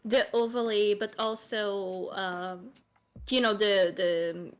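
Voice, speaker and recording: A woman's voice: mid-range voice, fairly even intonation, slow. A woman with a Quebec French accent, French being her first language, co-hosting a casual streamed chat podcast, playful and swearing casually. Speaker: co-host streamer.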